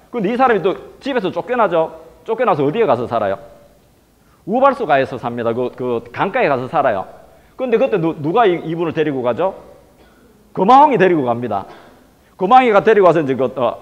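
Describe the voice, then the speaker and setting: A man lecturing a hall of teenagers, his voice pitched high and swinging up and down as he fires questions at the room. The recording is dull and lo-fi, with a long reverb tail. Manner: keeps quizzing the audience with rhetorical questions.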